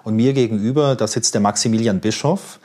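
A man's voice: lowish voice, brisk, a little mellow. A man hosting a casual interview, asking friendly, curious questions with a few fillers. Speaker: host.

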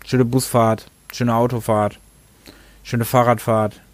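A man's voice: mid-range voice, little pitch movement, takes it slowly, no echo. A man hosting a casual game review podcast, rambling and often tripping over his words and correcting himself. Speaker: podcast host.

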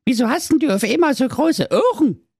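Storybook parody: cheeky, impatient young girl, played by a man in high falsetto. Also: expressive, fairly quick, gravelly, darkish tone, husky, no room sound, studio quality, heavily acted.

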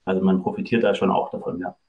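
Hesitant, low-voiced German guest. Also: male voice, flat delivery, fast talker, gravelly, lo-fi sound. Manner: hesitant, many fillers. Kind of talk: casual interview.

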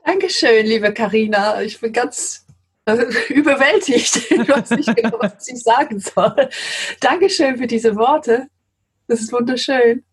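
A woman's voice: fairly high pitch, a little slow, slightly rough. A woman in her forties from London with an English accent, talking in German as an interview guest, giggly and hesitant with many fillers. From London, England. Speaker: guest, translator. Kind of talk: casual interview chat.

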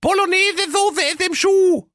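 Tiny cheeses chirp a singsong rhyme in a squeaky, piping voice far above any normal range. They sound like creatures from a silly storybook, and the voice is dry and close. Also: male voice, steady tone, normal speed, bright, forceful tone, no room sound. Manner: singsong chant.

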